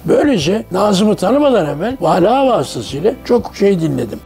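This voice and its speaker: A man's voice: high-pitched, sing-song, normal speed, vocal fry, mellow, soft background music. A man in his nineties from Turkey, recalling his life in a documentary interview as an anecdotal storyteller who acts out the dialogue of the people he quotes. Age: 90s.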